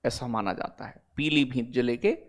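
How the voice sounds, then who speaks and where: A man's voice: mid-range voice, moderate pace. A man from teaching an exam-prep class online, chatty and blunt, calling students "beta" and "bhai" and asking "theek hai?" again and again. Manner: digresses into blunt talk, then back to teaching.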